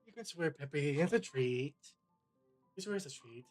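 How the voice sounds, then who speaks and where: A man's voice: fairly high pitch, expressive, moderate pace, soft background music. Blunt swearing male streamer. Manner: profane, blunt, joking. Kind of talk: casual gameplay commentary. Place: home streaming setup.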